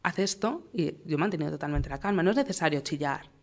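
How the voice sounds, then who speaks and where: A young adult woman, a guest expert, calmly and patiently explaining parenting with everyday examples. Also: sits low, rapid-fire. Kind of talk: explanatory interview talk.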